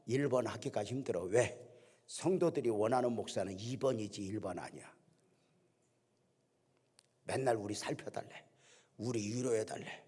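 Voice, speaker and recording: Husky, lively man preaching in a church. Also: medium pitch. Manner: folksy, joking storyteller who quizzes the congregation. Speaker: pastor. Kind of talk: sermon. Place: church sanctuary. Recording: long church hall reverb.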